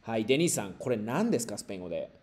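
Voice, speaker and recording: A man's voice: on the low side, big pitch swings, rapid-fire, a little mellow, a little hiss or hum. Patient man teaching Japanese. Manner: patient, repeats and models phrases for students. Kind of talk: online language class, mixing Spanish and Japanese.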